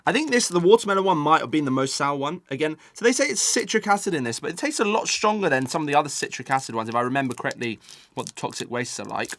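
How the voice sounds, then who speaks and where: A man's voice: a little high, lively intonation, fast talker, a bit bright. A British man talking casually to viewers as he eats sour candy in a taste-test vlog. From United Kingdom. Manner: eating sour candy while talking, reacting to the sourness. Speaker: host of a taste-test video.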